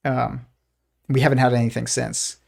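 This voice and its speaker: On his live physics stream, a man with a husky, darkish, medium-pitched voice speaks at normal speed in a level tone with vocal fry. His talk is casual and rambling, packed with fillers and restarts. Quotes get a posh, old-fashioned voice.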